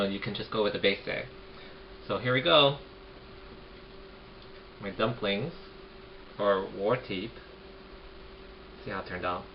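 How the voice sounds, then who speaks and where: A man talks through his cooking in an easygoing, conversational way, describing each step as he goes. He sounds like he is in a home kitchen, picked up by a camera microphone. The home video sound is dull and lo-fi, with a faint hiss of noise underneath. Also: mid-range voice. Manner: chatty and relaxed, narrating each step as he goes. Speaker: home cook vlogger. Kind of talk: casual cooking demonstration.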